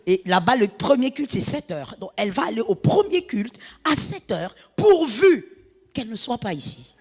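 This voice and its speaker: A middle-aged woman pastor delivering a sermon, animated and half-singing some phrases, breaking into shouts. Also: fairly high pitch, moderate pace, husky, big-room sound. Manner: animated preaching, lapsing into sung phrases and shouts.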